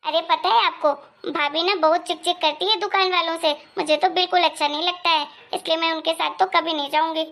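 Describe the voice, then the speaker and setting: A woman's voice: extremely high pitch, steady tone, fairly quick, a bit bright. A woman voicing a quarrelsome young married daughter. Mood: scolding. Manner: complaining, scolding. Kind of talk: Hindi moral story voice acting.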